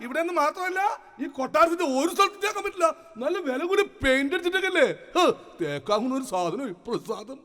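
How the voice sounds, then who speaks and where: A man playing a vain, bumbling king in a live stage comedy skit, talking in a loud, exasperated, theatrical way. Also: very high voice, sing-song, fast talker, long reverb tail, exaggerated voice. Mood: blustering.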